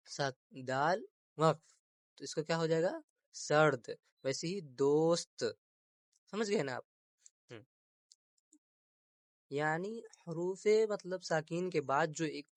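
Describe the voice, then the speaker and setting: A man gives a grammar lesson in a slightly higher-than-usual voice, recorded close with no room sound. He stretches key terms, repeats them, and keeps asking his listeners whether they follow. English words turn up now and then in his explanations. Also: no room sound. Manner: repeats terms slowly, asks rhetorical questions; mixes English words into teaching. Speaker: Urdu grammar teacher.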